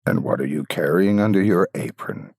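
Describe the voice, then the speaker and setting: A man's voice: very deep voice, sing-song, normal speed, darkish tone, no echo, heavily acted. A man voicing a sly, hungry wolf in a fairytale, coaxing and menacing. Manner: smooth-talking, wheedling, menacing. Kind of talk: fairytale storybook reading.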